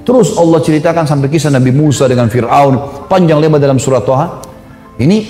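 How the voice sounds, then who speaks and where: A man telling a religious story as a preacher, animated and chatty, with conversational asides to his listeners. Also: on the high side, fast. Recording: echoey hall with faint music.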